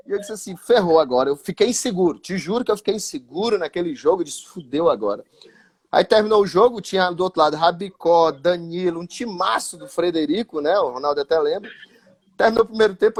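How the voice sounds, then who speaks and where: A man telling a futsal story on a live stream in a lively, casual way, full of fillers. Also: sits high, husky. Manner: lively anecdotal, with many fillers like "né, cara".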